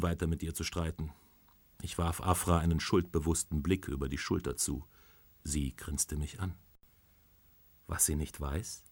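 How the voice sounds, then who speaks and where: A man's voice: deep voice, no room sound. A man narrating a story in the first person and voicing his own lines in it. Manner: expressive storytelling. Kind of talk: scripted audiobook narration.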